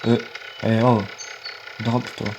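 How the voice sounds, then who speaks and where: A young guy records rambling let's-play talk into a phone, with light noise behind him and a muffled sound to the recording. His mid-range voice is flat and slow, and as a gaming creator he talks to viewers and gets easily annoyed.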